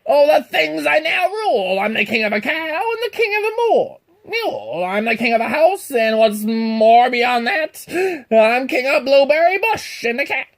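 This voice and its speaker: A woman voicing a boastful, bossy male turtle king who shouts and gloats. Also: high voice, sing-song, moderate pace, pitched above the performer's own voice. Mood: gloating.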